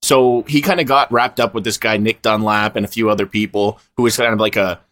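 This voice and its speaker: A man's voice: on the low side, fairly even intonation, a little fast, a bit bright. A man co-hosting a podcast in casual banter, rambling and swearing, a bit self-deprecating. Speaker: podcast co-host.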